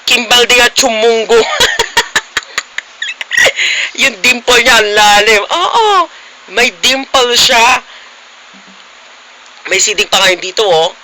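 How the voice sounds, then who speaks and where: A man's voice: extremely high pitch, very animated, takes it slowly, long pauses, bright, forceful tone, slight background noise, rough recording. A young man vlogging casually, teasing his friends playfully with frequent giggles. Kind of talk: casual vlog chat.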